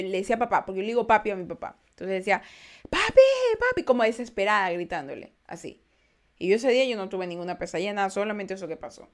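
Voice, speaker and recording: A young woman telling true ghost stories in casual podcast talk, acting out quoted lines with loud bursts and often restarting her sentences. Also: medium pitch. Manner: frequent restarts, turns quiet and reflective. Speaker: podcast host. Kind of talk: casual storytelling.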